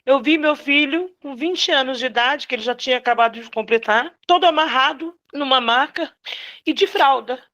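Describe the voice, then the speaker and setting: A middle-aged woman with a Brazilian Portuguese accent tells a painful family story to an interviewer. Her voice sits somewhat high. She stumbles, restarts phrases and slips into the voices of the people she quotes. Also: pushed and bright. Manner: halting, restarts phrases, acts out quoted dialogue. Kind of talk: emotional personal account.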